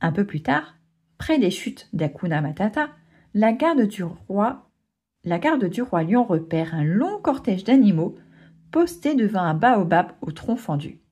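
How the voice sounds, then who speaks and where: A woman narrating a children's storybook aloud in an expressive way. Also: medium pitch, unhurried, slightly rough. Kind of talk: storybook reading.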